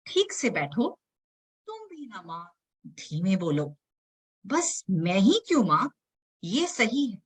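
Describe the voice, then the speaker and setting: A woman poet reciting her own spoken word poetry for an online event, mixing casual talk with dramatic delivery that swings between hushed and loud lines. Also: medium pitch, rough recording. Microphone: video call.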